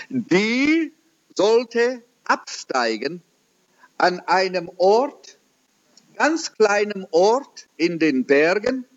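A man preaching a sermon, telling mission stories slowly and earnestly. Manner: slow, earnest storytelling with sweeping pitch. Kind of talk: sermon with testimony. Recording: dull lo-fi recording.

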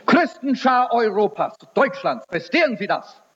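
A man preaching a sermon in a loud, forceful voice. He asks impassioned rhetorical questions and builds slowly to emphatic points. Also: extremely high pitch, big pitch swings. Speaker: evangelist preacher. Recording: echoey hall, dull lo-fi sound.

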